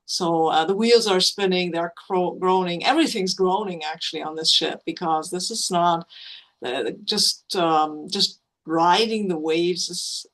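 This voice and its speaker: A woman chatting casually as a player in a tabletop role-playing game, halting and thinking aloud. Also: lowish voice, fairly bright tone.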